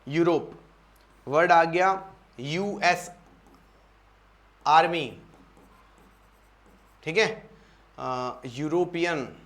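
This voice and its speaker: A young man with an Indian accent teaches an English grammar lesson for exam students. His voice sits high for a man. He drills each rule by repeating it and firing rhetorical questions at the class. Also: drawn-out words, long pauses, a bit bright.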